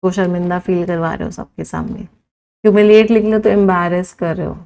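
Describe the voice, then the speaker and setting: A woman teaching an English vocabulary class. She lists words one by one, drawing each out slowly for students to write down, counts them aloud and answers students' suggestions. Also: lowish voice, fairly even intonation, gravelly, warm tone, poor audio. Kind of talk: live exam-prep vocabulary lesson.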